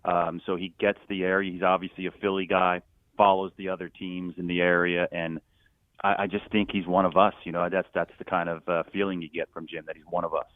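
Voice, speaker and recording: A middle-aged man from Philadelphia, a stadium announcer, speaks briskly in a low, level tone as a guest on a casual phone interview. He rambles with many fillers and restarts, and the tinny phone audio is dry with no echo.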